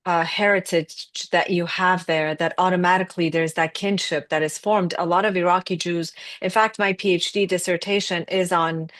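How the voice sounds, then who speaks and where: A woman speaking as a panelist, asking questions in a measured, thoughtful way. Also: fairly low pitch, fairly even intonation, a bit bright, no room sound. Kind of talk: panel discussion.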